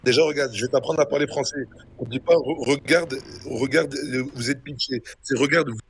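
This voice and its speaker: While streaming a role-play game, a young man casually mocks and insults another player in a taunting, trash-talking manner. He has a mid-range voice and a moderate pace, with slight background noise.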